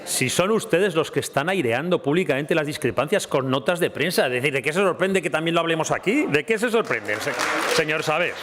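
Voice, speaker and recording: A man's voice: on the high side, expressive, a little fast. Combative man in a murmuring chamber. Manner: combative, repeatedly addresses opponent by name. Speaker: parliamentary spokesman. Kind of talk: parliamentary debate speech. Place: parliament chamber. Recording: reverberant chamber with murmuring crowd.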